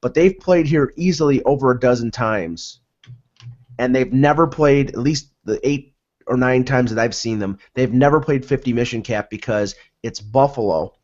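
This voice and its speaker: A man with a mid-pitched voice chats casually as a sports show co-host. He tells stories haltingly, doubling back on words, and the recording is slightly dull. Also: darkish tone. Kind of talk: casual chat, anecdotal storytelling. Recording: dull lo-fi audio.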